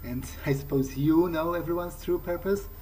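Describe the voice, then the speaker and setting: A man voices a character conversationally during a let's play, pausing and musing as he goes. His fairly high voice has a dark tone and normal speed, and the poor-quality audio includes slight background noise plus the faint game soundtrack.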